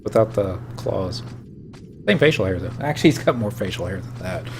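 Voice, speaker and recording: A man's voice: deep voice, expressive, fairly quick, vocal fry, over music. A man giving casual, rambling commentary while he plays a video game, telling old stories from the game. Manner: rambling, anecdotal storytelling. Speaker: gameplay streamer.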